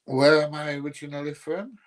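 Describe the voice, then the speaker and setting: This livestream host speaks a little fast, in a fairly high voice with little pitch movement. He's a Nottinghamshire man whose English sounds almost Yorkshire. Replying to viewer comments, he keeps things casual and blunt, grumbling with a dry wit.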